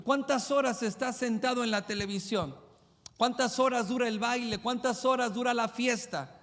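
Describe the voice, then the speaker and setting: A male pastor, preaching a sermon with emphatic, rapid-fire rhetorical questions. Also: extremely high pitch, fairly bright tone, big-room sound.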